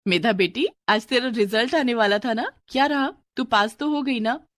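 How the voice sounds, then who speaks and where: A woman voicing a caring gentle mother. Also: on the high side, normal speed, no room sound, natural voice. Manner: gentle, reassuring.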